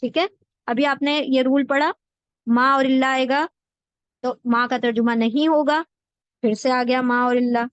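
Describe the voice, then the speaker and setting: A Quran word-by-word translation teacher, a woman with a voice on the high side, explains slowly and patiently in class, repeating words and their meanings for drilling. The sound is dry and close, with no room sound.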